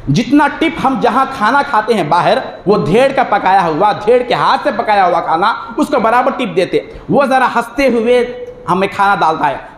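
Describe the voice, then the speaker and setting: Male preacher, very high voice, exhorting with rhetorical questions; echoey mosque hall, faint noise. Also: a bit bright. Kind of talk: religious sermon.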